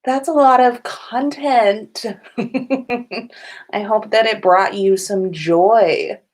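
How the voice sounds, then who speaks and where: Hosting a podcast as a casual livestream from home, a woman chats informally with her viewers, swearing and giggling along the way. Her voice is a little high with a darkish tone, and she talks extremely slowly.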